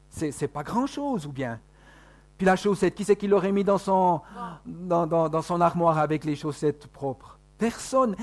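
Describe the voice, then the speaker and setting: A man's voice: sits high, a little mellow. A man preaching a sermon in a conversational way, with many rhetorical questions to the congregation. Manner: conversational, full of rhetorical questions and tag words.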